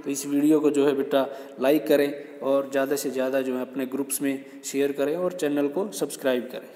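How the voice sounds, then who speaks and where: A man's voice: mid-range voice, fairly even intonation, a little fast, mellow. A man teaching a lesson to students, explaining patiently and often checking that they follow. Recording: echoey room with long reverb.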